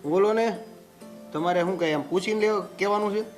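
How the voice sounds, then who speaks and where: A man's voice: sits high, fairly quick, lightly acted. An actor playing a grown village son who banters teasingly with his mother, with a Kathiawadi Gujarati accent. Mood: curious. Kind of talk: village family drama acting. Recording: soft music under the voice.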